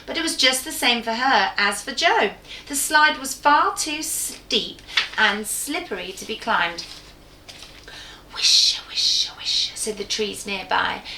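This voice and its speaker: A woman teacher reading a storybook aloud to young children with clear, lively storytelling. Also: fairly high pitch, a little slow, slight background noise. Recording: echoey room.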